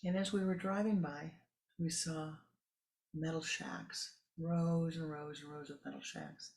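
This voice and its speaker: Speaking a little slowly and without much inflection, a man with a higher-pitched voice preaches as a spiritual teacher. His sermon mixes reflective asides with words repeated for emphasis.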